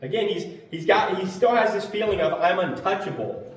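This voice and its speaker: A man's voice: sits high, brisk. A man casually teaching a Bible study, retelling the story in a conversational, emphatic way with fillers. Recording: echoey room from far off, faint noise.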